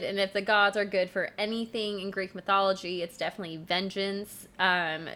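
A woman's voice: medium pitch, a bit bright. A woman co-hosting a podcast, casually retelling a myth in a chatty way with frequent giggles. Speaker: podcast co-host. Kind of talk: casual storytelling chat.

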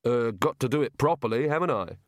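A man's voice: mid-range voice, expressive, brisk, no room sound, studio quality, close to an everyday voice. A man voicing a nervous, cowardly adult wizard who hesitates and stammers. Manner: anxious, hesitant, stammering fillers.

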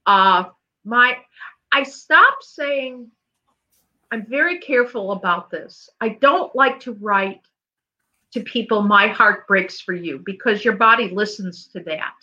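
A woman grief coach co-hosting a chat show, speaking in a gentle, careful, reflective way. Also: medium pitch, animated, takes it slowly, highs cut off. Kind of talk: casual conversation.

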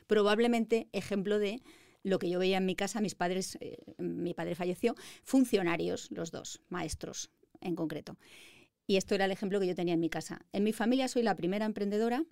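A woman's voice: mid-range voice, a little fast, gravelly, darkish tone, dry recording, clean studio sound. A woman in her fifties with a Madrid Spanish accent, a lawyer telling her story in an interview with confident, articulate ease. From Spain. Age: 50s. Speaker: guest, lawyer. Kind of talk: interview conversation.

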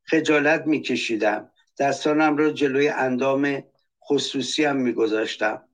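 A man speaking on a political talk show, reading testimonies aloud and denouncing with anger. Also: medium pitch. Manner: impassioned, reads testimonies aloud; angry, denouncing. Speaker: panelist.

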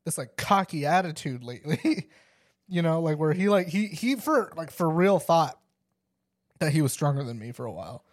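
Lively young dad telling stories. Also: male voice, a little high, normal speed. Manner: rambling storyteller, laughs often, full of "like". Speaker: podcast host. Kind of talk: casual chat.

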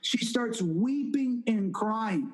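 A man with a light, high voice recounts a testimony as an interview guest. He tells it with animated, emphatic repetition and slips into acting out the people he quotes. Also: slow pace, low-quality recording. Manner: animated storyteller who acts out quoted speech. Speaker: evangelist guest.

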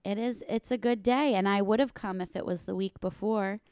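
A woman's voice: mid-range voice, fairly even intonation, fairly quick, darkish tone, clean tone, no room sound, clean studio sound. A woman in casual chat who laughs easily and pushes back on her friend's details.

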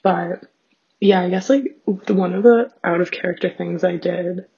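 A young adult woman with a raspy voice and vocal fry, chatting casually in a rambling, self-deprecating solo diary full of fillers. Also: lowish voice, normal speed, dark tone. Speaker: host of a personal audio diary. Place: small bathroom at home, sitting on floor. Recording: dull, lo-fi home recording.

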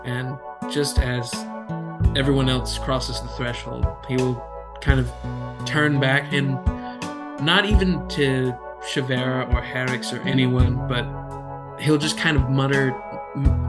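A man player narrating his character in a measured way during a tabletop role-playing game. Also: mid-range voice, steady tone, loud music behind the voice.

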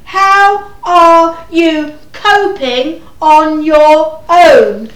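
Patient neighbour, very high voice, slow careful talk, echoey room, radio play. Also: female voice, animated, heavily acted. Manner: repeats herself loudly and slowly. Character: kindly neighbour woman, patient but exasperated.

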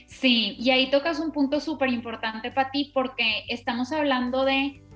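A woman co-hosting a parenting chat, explaining calmly and steadily with plenty of examples. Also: high-pitched, moderate pace, soft background music. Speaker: parenting podcast co-host.

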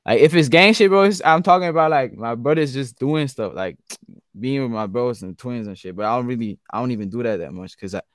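Chatting casually in an interview, a young guest artist from Switzerland speaks briskly in a mid-range voice, using laid-back slang and saying "bro" almost every sentence. The sound is dry and studio-grade.

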